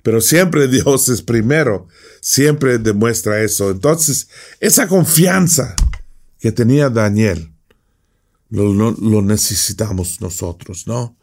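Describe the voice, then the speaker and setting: A man's voice: fairly low pitch, a little mellow. A man preaching a Bible study sermon, reading scripture and explaining it, often checking in with short rhetorical questions. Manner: slow, deliberate, with frequent rhetorical tag questions.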